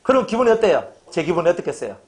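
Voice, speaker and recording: A man's voice: sits high, sing-song, racing. A middle-aged male pastor preaching a humorous sermon, joking and acting out little dialogues with his congregation.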